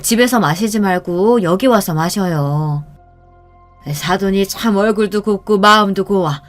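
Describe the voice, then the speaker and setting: A woman voicing a friendly older mother who runs a pub and chats warmly with customers. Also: medium pitch, a little slow, soft background music, lightly acted. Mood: cheerful. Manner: friendly, hospitable chatter.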